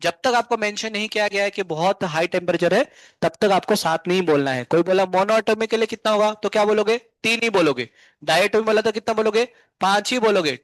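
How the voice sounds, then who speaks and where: Physics teacher guy, high-ish voice, asks then answers his own questions, dry sound. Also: no echo. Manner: asks questions and answers them himself, then slowly dictates notes. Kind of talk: classroom lecture. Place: classroom.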